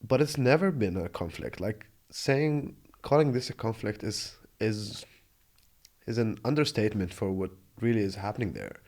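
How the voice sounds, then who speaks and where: A twenty-something interview guest from Jordan, speaking in a lowish, darkish voice at a moderate pace, shares his story earnestly and reflectively. The casual conversational interview takes place in Australia, and he restarts his sentences many times.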